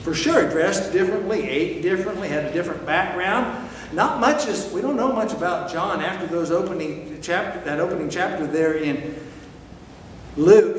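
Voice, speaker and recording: A man preaching a sermon, emphatic and animated, firing rhetorical questions, recorded in an echoey church hall. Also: fairly high pitch, a little hiss or hum. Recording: echoey hall with long reverb.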